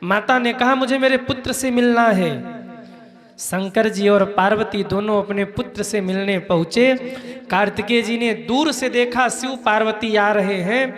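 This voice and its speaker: A man's voice: high-pitched, a little slow. A man preaching a devotional story sermon, acting out the dialogue and now and then singing a line. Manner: storytelling with acted dialogue and sung lines. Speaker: kathavachak preacher.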